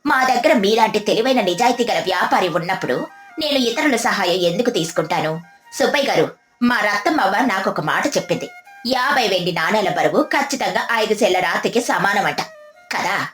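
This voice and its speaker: A quick-witted young village wife, as a woman storyteller puts her on, pointed and needling. Her voice sits a touch lower than the narration. Roomy echo and soft music under it. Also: expressive, lightly acted. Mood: sly polite. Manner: pointed, mock-polite, then scolding. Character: clever young village wife, bold and sharp. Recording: echoey, faint music behind.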